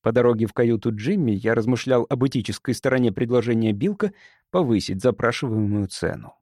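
A man reading a first-person audiobook in an expressive, dramatic way. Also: medium pitch, a little fast, no room sound. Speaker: audiobook narrator.

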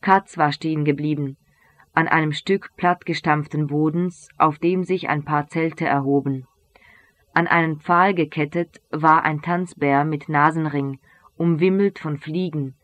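A reader narrating a German novel as an audiobook in a measured, even way. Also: medium pitch.

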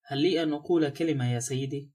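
A man voicing a nervous male butler who speaks quietly and respectfully in an audiobook. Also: fairly high pitch, quick pace, natural voice. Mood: deferential.

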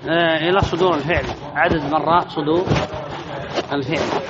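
High-voiced man teaching grammar, lo-fi. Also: steady tone, brisk. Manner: reads a line then explains, repeats phrases and asks questions. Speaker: sheikh teaching Arabic grammar. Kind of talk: classroom lesson explaining a text. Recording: dull lo-fi recording with audience noise.

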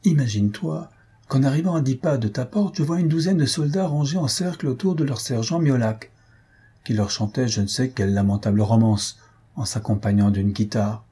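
A man voicing Minella, a bold and merry sixteen-year-old girl, in a lively storytelling manner with a very husky voice. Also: mid-range voice, moderate pace.

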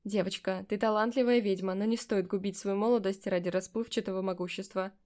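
A woman's voice: mid-range voice, fairly even intonation, brisk, a little mellow, close to an everyday voice. A woman reading an audiobook and voicing a sly, playful, powerful witch who talks in a coaxing, teasing way. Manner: coaxing and teasing, mock-surprised.

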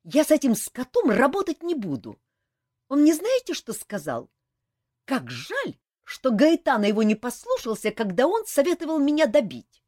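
A woman's voice: sits high, wildly swooping pitch, normal speed, a little mellow, dry recording, studio quality, pitched above the performer's own voice, heavily acted. A woman reading an audiobook, voicing a spiteful, hot-tempered young woman who snaps through clenched teeth.

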